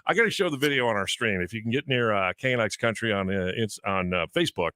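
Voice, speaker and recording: A man's voice: lowish voice, expressive, quick pace, bright, forceful tone, smooth, no echo, studio quality. A man hosting a radio show in casual morning chat.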